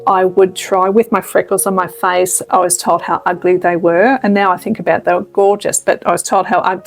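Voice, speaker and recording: A woman's voice: lowish voice, gravelly. An Australian woman in her fifties, a radio presenter, speaking candidly and thoughtfully as an interview guest. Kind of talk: reflective interview conversation.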